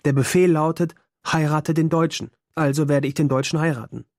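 A man reading an audiobook, voicing a determined teenage girl who speaks calmly and firmly in a raised voice. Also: a little fast, dry recording, studio quality, lightly acted. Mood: calm resigned. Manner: calm, firm, raised pitch. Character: determined teenage girl, resigned yet teasing. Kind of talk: audiobook character voice.

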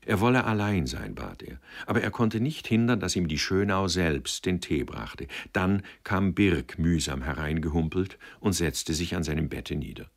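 A male audiobook narrator reads a literary novel in a measured, expressive way. His voice is very deep with a gravelly fry and a husky edge, and the pitch moves widely as he tells the story.

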